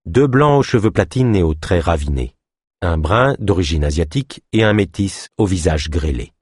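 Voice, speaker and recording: A man reading a thriller novel aloud as narrator, expressive storytelling. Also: low voice, normal speed, husky, dry recording, clean studio sound. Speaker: audiobook narrator. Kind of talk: scripted narration.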